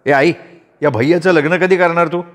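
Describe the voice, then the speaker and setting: A man's voice: on the high side, fairly even intonation, normal speed, pitched above the performer's own voice, lightly acted. A man voicing a witty, mischievous young man with political ambitions, in an audiobook story. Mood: joking. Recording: roomy reverb.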